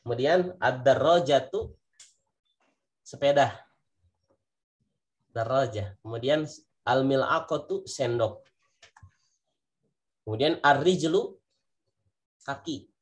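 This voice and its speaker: A man's voice: medium pitch, animated, slow pace, long pauses. A man with an Indonesian accent teaching an Arabic vocabulary class, patiently repeating each word and point. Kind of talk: online class lesson.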